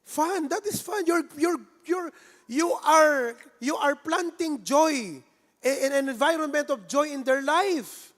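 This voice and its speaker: A man with a Filipino accent, a pastor who preaches in a lively, conversational way and jokes with his congregation. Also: extremely high pitch, takes it slowly. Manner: playful, jokes with the congregation and acts out little scenes. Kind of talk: sermon. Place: church sanctuary. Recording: echoey church hall.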